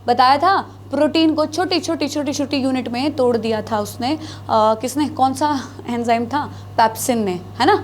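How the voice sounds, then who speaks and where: A woman's voice: high-pitched, moderate pace, slight background noise. A woman teaching a biology class, asking her students questions and answering them herself, repeating key terms as she writes on the board. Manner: repeats key terms, mixing Hindi with English.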